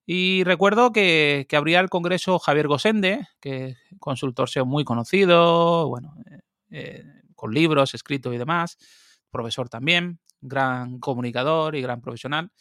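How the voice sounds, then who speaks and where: Lively man telling stories. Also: fairly high pitch, no room sound, studio quality. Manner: lively, animated, quick asides and laughs. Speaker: interview guest. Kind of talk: casual storytelling.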